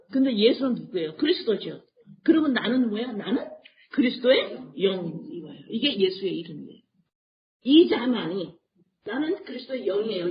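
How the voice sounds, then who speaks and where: A woman pastor delivering a sermon. She fires questions at the congregation and answers them herself, and her voice swings between quiet and loud. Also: mid-range voice, muffled recording.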